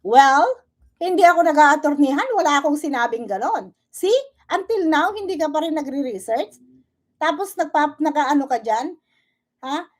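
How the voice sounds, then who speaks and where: A woman vlogger speaks in a fairly high voice, firing off a confrontational rant. She switches freely between Tagalog and English. She keeps jabbing at her target with "okay?" and "ha?". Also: lively intonation, moderate pace. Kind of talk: angry reaction rant.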